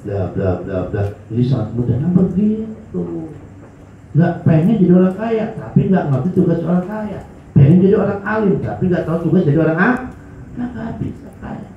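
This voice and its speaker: Animated preacher in an echoey hall. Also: male voice, fairly quick, gravelly. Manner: animated, swings between loud cries and low mutters. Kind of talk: religious study sermon. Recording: echoey hall, dull lo-fi sound, faint hiss.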